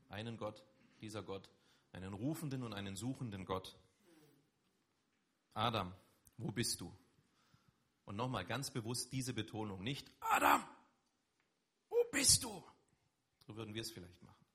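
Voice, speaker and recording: Male preacher, husky voice, chatty but emphatic sermon delivery. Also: fairly low pitch, a bit bright. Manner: conversational, emphatic preaching with rising stresses.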